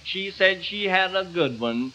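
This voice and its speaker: A man's voice: high-pitched, animated, unhurried, bright, forceful tone, muffled recording, a little hiss or hum. A man delivering a folksy rural comedy monologue full of tall tales and tongue-twisters.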